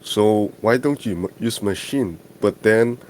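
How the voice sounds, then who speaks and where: A man's voice: lowish voice, measured pace, darkish tone, a little hiss or hum. A man calling into a podcast, asking questions hesitantly with lots of fillers over a voice call. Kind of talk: casual chat on a voice call. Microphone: voice call mic.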